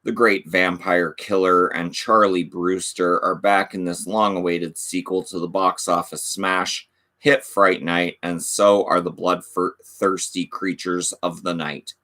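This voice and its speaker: Reading the backs of DVDs on his laid-back channel, a man talks through his collection and notes that his voice is going. His offhand remarks come at a measured pace, level and sharp in tone.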